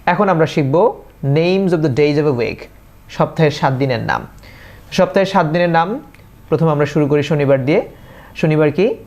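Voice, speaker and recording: A man's voice: fairly high pitch, animated, normal speed, pauses often, a little mellow. A man from Bangladesh, teaching English pronunciation and repeating each word several times for his learners. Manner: addresses viewers as dear learners. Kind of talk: recorded pronunciation lecture.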